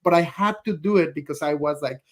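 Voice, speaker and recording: A man's voice: on the high side, fairly quick. A man from northern Mexico, a guest in casual chat, rambling with many "like"s. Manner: rambling, heavy use of "like".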